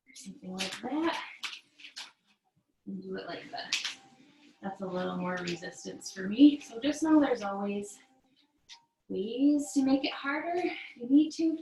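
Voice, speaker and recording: A woman fitness instructor leading a virtual workout, counting down reps and cueing form while she exercises in a small room. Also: medium pitch. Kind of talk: coaching a virtual workout class. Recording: roomy echo, mic at a distance, faint noise.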